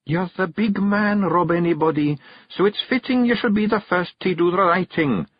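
Brief: bossy little Scottish fairy queen, much higher voice, sly and scolding, put on by a male reader, slightly husky. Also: normal speed, no room sound, muffled recording. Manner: scolding, coaxing, artful. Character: small sharp-tongued fairy clan queen, female, bossy.

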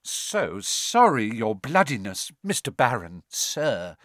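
Cackling, greasy trickster spirit, high and bouncy, read by a man. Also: huge pitch swings, normal speed, bright, forceful tone, dry recording, studio quality, exaggerated voice. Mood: greasy fawning. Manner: wheedling, cackling, sing-song. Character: mischievous cackling male poltergeist, greasy and sly.

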